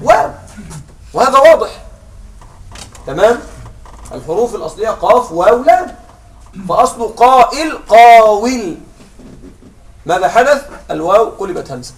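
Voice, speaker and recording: A man's voice: sits high, big pitch swings, fairly quick, long pauses, far from the mic. A man teaching an Arabic grammar lesson, patiently explaining step by step and checking that students follow. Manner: patient, checks understanding with repeated questions. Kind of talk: classroom lesson.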